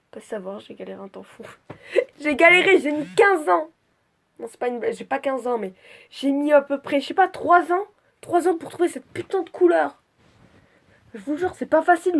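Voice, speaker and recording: A woman's voice: medium pitch, darkish tone. A woman talking casually through her drawings in a rambling vlog, swearing freely and sounding stuffy from a cold. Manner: chatty and scattered, swears freely. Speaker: vlogger presenting her character drawings.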